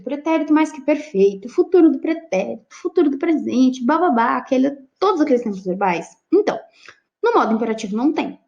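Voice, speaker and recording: A woman's voice: high voice, darkish tone. A Brazilian woman teaching an online class. She explains step by step and keeps checking in with her students. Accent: Brazilian Portuguese. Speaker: Portuguese teacher. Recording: dull lo-fi recording.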